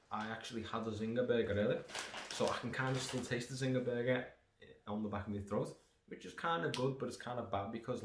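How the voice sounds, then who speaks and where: A British man giving a casual, rambling snack review in a sarcastic, sweary, digressive way. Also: medium pitch. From United Kingdom. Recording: echoey room with faint noise.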